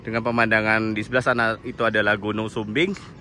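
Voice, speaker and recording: A man with a fairly low voice speaks fast in a bright, forceful tone with little pitch movement, over slight background noise. Filming on a handheld phone, this vlogger gives a friendly, informal walk-through tour of a mountain cafe and guesthouse, pointing things out as he goes, both outdoors and indoors.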